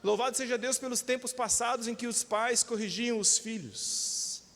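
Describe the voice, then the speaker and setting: A man's voice: very high-pitched, steady tone, moderate pace, fairly bright tone. A male pastor with a Brazilian Portuguese accent preaches an emphatic sermon, calling for amens and acting out voices. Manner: emphatic, calls for amens, acts out quoted voices. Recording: reverberant church hall.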